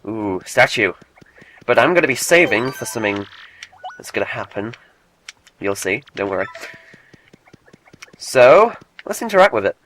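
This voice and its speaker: A man's voice: medium pitch, sing-song, moderate pace, long pauses, a bit bright, a little hiss or hum. A man giving chatty, joking commentary while playing a video game. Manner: chatty and jokey, reads game text aloud. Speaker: let's play host.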